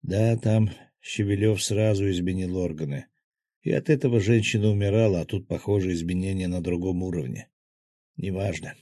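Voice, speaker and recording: A man's voice: deep voice, steady tone, normal speed, mellow, no room sound. A man narrating a fantasy audiobook in the first person, with a terse, dry inner monologue.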